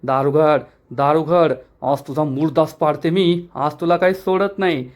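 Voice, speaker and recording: A man's voice: on the high side, steady tone, measured pace, lightly acted. A raging, scolding aunt, as a man quotes her. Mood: furious. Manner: shouting threats and insults. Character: furious scolding middle-aged aunt and mother.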